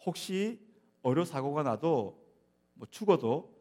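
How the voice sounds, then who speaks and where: A man's voice: on the high side, takes it slowly. A man preaching a sermon as a pastor, speaking expressively and growing emphatic when he quotes scripture. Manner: expressive, rising to emphatic when quoting Jesus.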